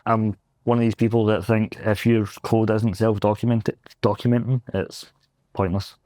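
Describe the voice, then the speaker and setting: A young Glaswegian man from Scotland, a pentest engineer appearing as an interview guest on a convention floor, chats casually, rambles, laughs often and pokes fun at himself. His voice is fairly low and warm with little pitch movement, at a moderate pace, recorded without echo.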